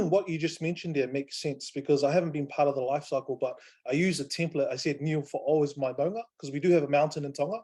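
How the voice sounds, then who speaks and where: A man's voice: fairly high pitch, quick pace, hardly any pauses. A man moderating a video call, talking casually and hesitantly with many fillers. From New Zealand. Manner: relaxed, hesitant with many ums.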